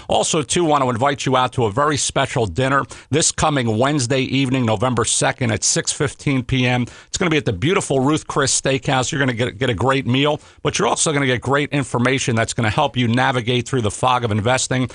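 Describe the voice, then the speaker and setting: Man, radio co-host, medium pitch, dry sound, promotional delivery, polished salesy patter. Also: fairly quick, vocal fry, few pauses, a bit bright, no echo.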